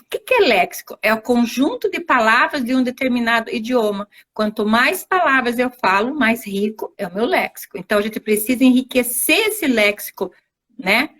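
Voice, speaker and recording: A woman's voice: on the high side, a bit bright. A woman teacher giving explanatory interview answers, working through step-by-step examples and often checking in with tag questions. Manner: didactic, spells out examples, frequent tag questions. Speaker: teacher, invited guest. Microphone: video call on a live stream.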